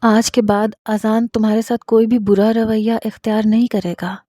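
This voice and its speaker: A gentle older mother-in-law in a tearful audio story, as a woman narrator puts her on. She coaxes in a quiet, mellow voice, soft and close to the mic in a dry room. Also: fairly high pitch, flat delivery, dry recording, lightly acted. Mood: soothing.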